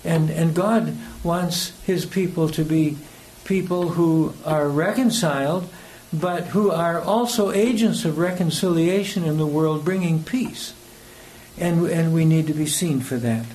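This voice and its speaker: At a measured pace, an older American preacher with a somewhat high, slightly mellow voice wanders through personal anecdotes in a casual sermon, hesitating and chuckling between phrases. Poor audio, with clear background noise.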